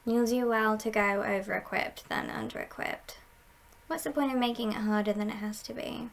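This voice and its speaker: Woman acting creaky, ASMR role-play heist boss. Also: mid-range voice, steady tone, moderate pace, natural voice. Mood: conspiratorial, commanding. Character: confident, scheming female heist boss briefing a recruit.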